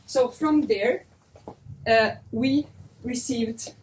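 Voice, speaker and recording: A woman's voice: a little high, a little hiss or hum. Woman presenting from afar. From Serbia. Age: young adult. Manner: measured, with frequent uh fillers. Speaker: master's student presenter. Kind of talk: project presentation. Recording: distant room mic, faint ambience.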